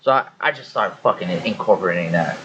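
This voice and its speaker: A man's voice: low voice, lively intonation, fast talker. A man co-hosting a podcast, telling a rambling story full of swearing in casual chat. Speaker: podcast co-host. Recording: dull audio with faint hiss.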